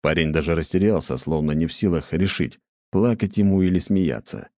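A man reading an audiobook in a very deep, dark voice with a steady, measured delivery. The recording is close and completely dry. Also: no room sound. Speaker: narrator. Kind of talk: audiobook narration.

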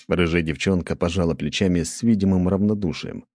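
A man narrating an audiobook in a steady, measured way. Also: low-pitched, no room sound, studio quality.

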